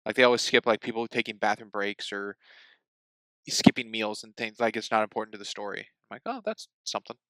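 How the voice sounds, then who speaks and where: A man's voice: on the low side, flat delivery, a little fast, bright, forceful tone, smooth, no echo, rough recording. A man co-hosting a film podcast, talking through ideas in a loose, hedging way. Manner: thinks aloud, hedging with "like". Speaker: podcast co-host. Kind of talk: casual chat.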